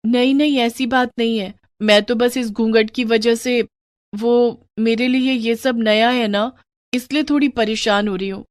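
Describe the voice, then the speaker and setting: A woman voicing a gentle young bride who is unhappy about her veil. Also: fairly high pitch, steady tone, measured pace, no room sound, clean studio sound, pitched above the performer's own voice, natural voice. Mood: reassuring.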